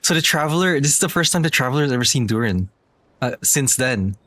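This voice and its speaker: A man's voice: medium pitch, animated, fast, pushed and bright, dry recording. A young man doing casual playthrough commentary, reacting as he goes and often hesitating or repeating himself. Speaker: game streamer.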